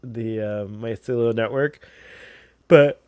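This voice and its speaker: A man's voice: medium pitch, takes it slowly, darkish tone, clear, resonant tone, dry recording. A man chatting casually as a watch-along co-host, giving offhand commentary.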